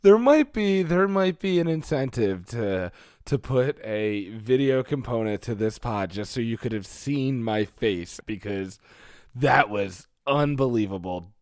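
Chill guy co-hosting a podcast, mid voice, dry close mic, kinda halting. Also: mid-range voice, lively intonation, a little mellow, no echo. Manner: laid-back, self-deprecating, halting. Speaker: podcast co-host. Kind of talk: casual podcast chat.

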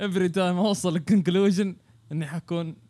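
A man's voice: high voice, steady tone, unhurried, warm tone. A Saudi man chatting casually and thinking aloud, dropping English words and phrases into his Arabic. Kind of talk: casual, musing chat.

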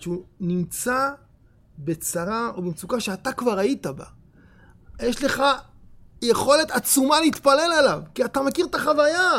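A man, a rabbi, giving a Torah lesson to a live audience in an animated, emphatic way, often putting questions straight to his listeners. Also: very high-pitched. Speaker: rabbi teaching a class.

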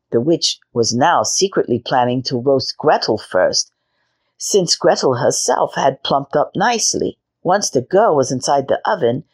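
A woman with a notably low voice narrates a children's fairy tale as a storytelling host. Her reading is gentle and measured, paced for young listeners. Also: breathy edge.

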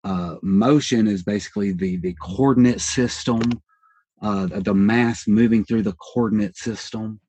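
Low, husky man thinking out loud. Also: moderate pace, dry recording. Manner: rambling, thinks aloud, hedges and self-corrects. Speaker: podcast guest, independent researcher. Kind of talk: casual explanatory interview talk.

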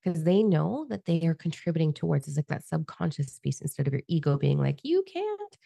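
A woman hosting a casual podcast chat, talking in an enthusiastic, nurturing way with quick asides. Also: low voice, fairly even intonation, gravelly, dark tone, breathy edge, no echo, clean studio sound. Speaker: podcast host and coach.

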